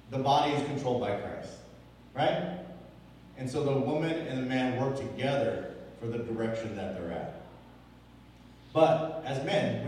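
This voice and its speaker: Young man, pastor, casual Bible teaching with a light faint room hum, reverberant hall. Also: mid-range voice. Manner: relaxed, asks the room rhetorical questions, chuckles often. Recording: echoey hall from far off.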